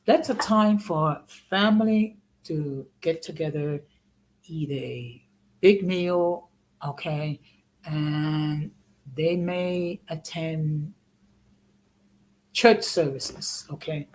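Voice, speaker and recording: On a low-quality recording, an American host in his sixties talks casually through a live-stream, often asking "okay?" His voice is a little high and he draws out his words.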